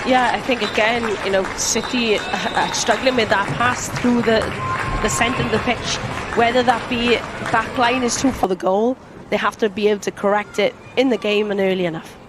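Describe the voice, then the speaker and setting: A woman's voice: a little high, steady tone, moderate pace. A woman giving conversational, matter-of-fact match analysis as a football co-commentator. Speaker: co-commentator, pundit. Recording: commentary over very loud crowd noise. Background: loud stadium crowd.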